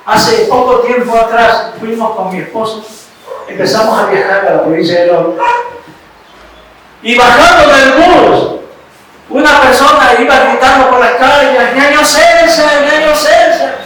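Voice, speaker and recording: A man's voice: very high-pitched, measured pace, pauses often, bright, forceful tone. A man with an Ecuadorian accent preaching a sermon, telling a personal story and checking in with his listeners with little questions. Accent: Ecuadorian Spanish. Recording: very echoey room, mic far off, faint hiss.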